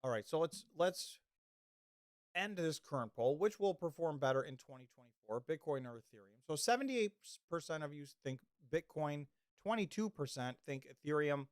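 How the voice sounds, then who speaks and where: A man hosts a livestream of casual chat, rambling, restarting often, reading chat comments, and losing his voice. His pitch is fairly high, and the sound is clean studio quality with no echo.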